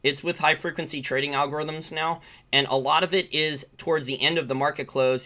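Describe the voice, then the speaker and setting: An American finance channel host with a pushed, bright, mid-range voice answers live viewer questions. His market commentary is informal, opinionated, and off the cuff, and he repeats points for emphasis.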